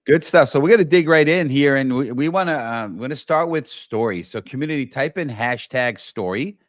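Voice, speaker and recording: A man's voice: mid-range voice, animated, fairly quick, no echo. Dry, eager male talk-show host. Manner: enthusiastic, repetitive, many restarts. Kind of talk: live-stream talk show hosting.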